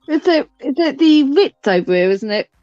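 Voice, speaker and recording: A woman's voice: sits high, sing-song, moderate pace, a little mellow, dry recording, lo-fi sound, faint music behind. A British woman chatting casually and playfully, laughing often. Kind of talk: casual chat.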